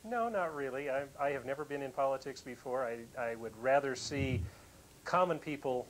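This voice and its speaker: A man's voice: mid-range voice, normal speed, slight background noise, low-quality recording. A man, a political challenger, answering a live remote news interview in an earnest, plain-spoken way. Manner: earnest, self-conscious laughs.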